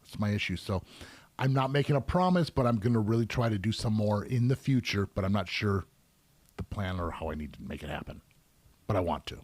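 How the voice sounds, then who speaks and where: A man's voice: lowish voice, lively intonation, brisk, a little mellow, dry recording. A middle-aged man hosting a live question-and-answer stream as a professional piercer, explaining casually at length with plenty of fillers. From United States.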